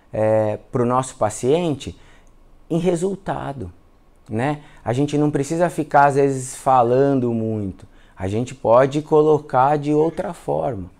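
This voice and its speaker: A man with a Brazilian Portuguese accent, a physiotherapist giving a casual live class, telling patient stories and acting out the dialogue. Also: medium pitch. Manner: animated storyteller, acts out dialogue, repeats words. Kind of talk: casual spoken lesson with case stories.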